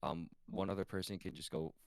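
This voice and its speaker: A man's voice: deep voice, fairly even intonation, fairly quick, gravelly, darkish tone. A man playing a tabletop game, chatting casually and egging the others on with jokes. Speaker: player.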